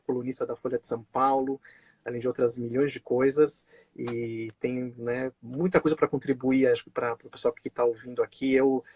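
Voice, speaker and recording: Born in Israel and raised in Brazil, this man hosts a casual live-stream chat over a video call. He's talkative, laughs often, and fills his speech with fillers and restarts. His voice is medium-pitched and darkish with a breathy edge, and there's no echo.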